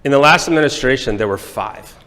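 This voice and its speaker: A man interviewing a guest in a chatty, joking way with quick asides. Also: mid-range voice, lively intonation, pushed and bright. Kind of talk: conversational interview questions. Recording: long hall reverb.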